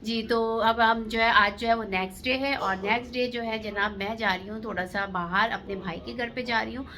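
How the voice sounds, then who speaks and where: A woman's voice: a little high, steady tone, moderate pace, bright, forceful tone, a little hiss or hum. A woman family vlogger, chatting casually to her viewers and calling them "janab" as she films herself on a phone. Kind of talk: casual vlog narration. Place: at home and at a family birthday party.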